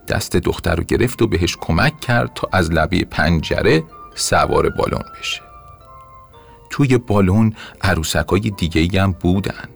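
A man narrating a bedtime story in a gentle, expressive way. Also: low voice, creaky. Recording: soft music under narration.

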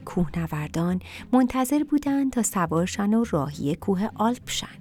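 A woman narrating a children's story in an expressive, animated way. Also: medium pitch.

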